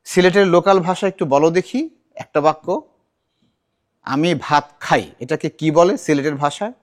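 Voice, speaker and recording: A middle-aged man teaching a children's recitation class, animated and asking the class many questions. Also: fairly high pitch, normal speed.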